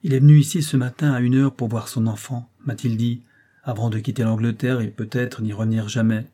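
A man reading a whining old grandfather in a storybook. The voice is warm and a little husky, and he complains in a fawning, pitiful tone. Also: mid-range voice, steady tone, brisk, natural voice. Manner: complaining, ingratiating.

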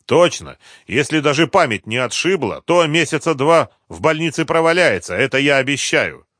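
A man's voice: fairly high pitch, sing-song, normal speed, fairly bright tone, dry recording, pitched above the performer's own voice. Guy voicing a nasty violent crook, snarls and brags, dry close sound. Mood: gloating. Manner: snarling, smug. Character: brutal violent male thug, gloating.

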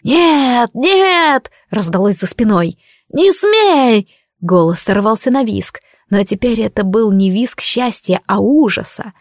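A woman reading a first-person fantasy story aloud with expressive, emotional delivery. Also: mid-range voice, normal speed, hardly any pauses, dry recording, clean studio sound. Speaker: audiobook narrator.

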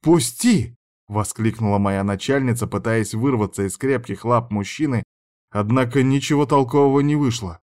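A man narrating a first-person audiobook with an even, dramatic storytelling delivery. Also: medium pitch, normal speed.

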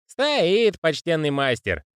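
Male narrator putting on a deferential old postman, raspy and wheezy, high, lively pitch, dry studio sound. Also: unhurried, dry recording. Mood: fussy, earnest. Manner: deferential, says sir constantly. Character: old male postman, fussy, pious, eager. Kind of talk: audiobook character voicing.

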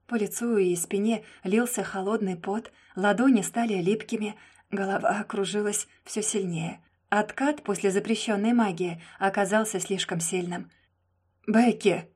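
A young woman narrating a first-person audiobook, soft and subdued, often close to a whisper. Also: mid-range voice, steady tone, moderate pace, husky.

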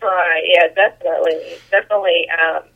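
A woman's voice: on the low side, steady tone, a little fast, gravelly, husky. A woman heard over the phone, chatting casually with her brother and reminiscing in an easygoing way, with fillers like "like" and "I mean". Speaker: guest, host's sister. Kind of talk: casual chat. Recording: tinny phone line.

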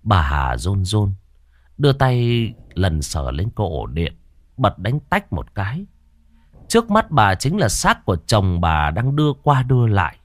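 A man narrating a horror story in a dramatic, expressive way. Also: on the low side, unhurried, no room sound.

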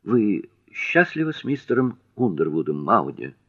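Man doing an earnest, naive young gentleman in a storybook reading, lively pitch swings. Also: unhurried, highs cut off, exaggerated voice. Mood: polite.

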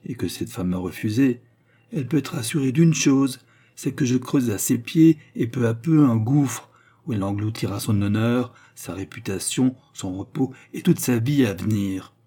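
A man voicing a calm, menacing baronet villain who lectures his accomplice in an audiobook reading. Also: mid-range voice, moderate pace, slightly rough. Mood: cold menace.

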